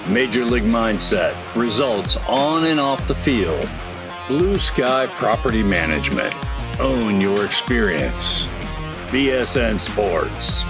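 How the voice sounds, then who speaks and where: A man reading a sponsor list in a measured announcer delivery, over guitar music. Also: medium pitch.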